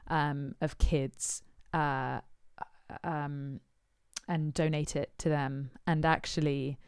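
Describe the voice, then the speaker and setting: Low-voiced woman, very smooth and resonant. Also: flat delivery, slow pace, darkish tone, no echo, clean studio sound. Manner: thoughtful, hesitant, with many ums and uhs. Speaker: musician answering supporters' questions. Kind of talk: casual Q&A chat.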